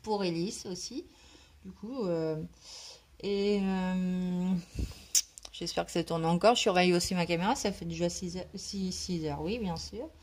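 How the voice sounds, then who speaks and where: A woman colours in a book and talks casually to her vlog, pausing and wandering as she thinks aloud. She has a lowish, darkish voice at a measured pace, a slight smoker's cough, and faint background noise.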